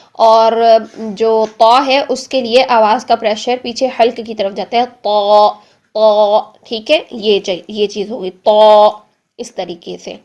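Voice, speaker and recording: A woman teaching Quran recitation, explaining calmly and repeating letter sounds again and again for practice. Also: a little high. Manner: explains slowly, drills letter sounds with many repetitions; stretches demonstration words very slowly. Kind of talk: tajweed lesson.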